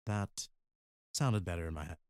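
A man's voice: sits low, normal speed, smooth, dry recording, studio quality, close to an everyday voice. A man voicing a weary, guilt-ridden inventor in an audiobook, speaking in a subdued, earnest way.

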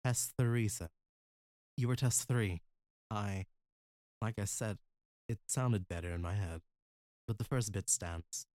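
A man's voice: lowish voice, a little slow, long pauses, a little mellow, no room sound, clean studio sound, close to an everyday voice. A man voicing a weary, guilt-ridden inventor in an audiobook, speaking in a subdued, earnest way.

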